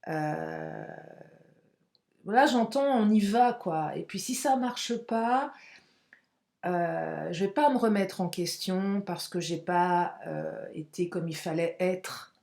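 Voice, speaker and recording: A woman's voice: fairly low pitch, slow pace, gravelly. Chatty woman reading cards, roomy echo. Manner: chatty and expressive, with frequent exclamations; frank and outspoken. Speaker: tarot and oracle card reader. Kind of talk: casual spoken card reading to viewers.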